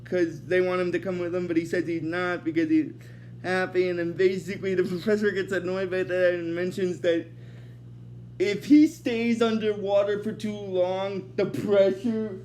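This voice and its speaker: A man with a notably high voice talks through an episode recap in a loose, unscripted way. He rambles, restarts his sentences and keeps reaching for "basically." A faint hiss sits under his voice. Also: fairly even intonation, moderate pace, a little mellow. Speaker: host of an episode recap series.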